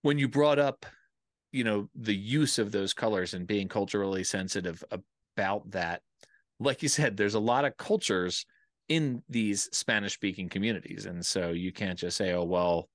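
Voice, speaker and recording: A man with an American accent and a low voice asks questions in a relaxed interview format. He rambles and thinks aloud. The recording is dry, with little room sound. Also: moderate pace, no room sound. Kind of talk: casual conversational interview.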